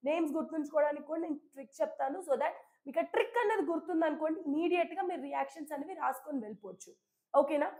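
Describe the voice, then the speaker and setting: Hoarse high-voiced woman teacher. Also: rapid-fire, a little mellow. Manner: chatty, keeps checking in with "okay?". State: hoarse, sick throat, coughing. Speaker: chemistry teacher. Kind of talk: live online class, Telugu-English mix.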